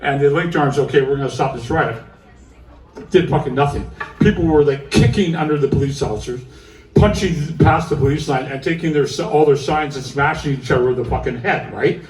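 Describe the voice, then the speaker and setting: A man's voice: fairly high pitch, brisk, a little mellow. A man performing live in a music club, telling a long, profane story between songs, full of asides and "right?" tags. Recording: roomy live club audio, from far off.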